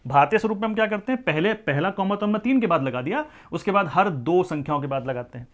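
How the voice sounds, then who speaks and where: A man's voice: high-pitched, animated, fast. A male maths teacher giving a lecture, who explains step by step, mixes in English number words and keeps asking the class whether they follow. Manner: explains step by step, often asks the class questions.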